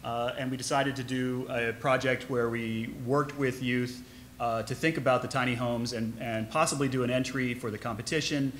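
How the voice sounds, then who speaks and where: A man in his forties, an architect co-presenting on a panel, talking casually with many halting fillers. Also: medium pitch, fairly even intonation, a bit bright, slight background noise. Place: large conference hall. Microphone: podium microphone.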